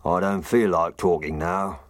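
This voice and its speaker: A man voicing a gruff, chatty male snowman in a storybook reading. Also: low voice, steady tone, measured pace, dry recording, voice pushed up. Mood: sleepy. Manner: loud, friendly, fussing.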